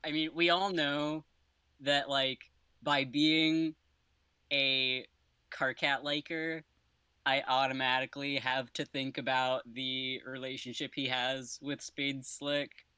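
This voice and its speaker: Casting note: unhurried giggly voice, bright tone, dry close sound, casual panel chat. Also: medium pitch, flat delivery, clean tone, dry recording. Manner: giggly, playful.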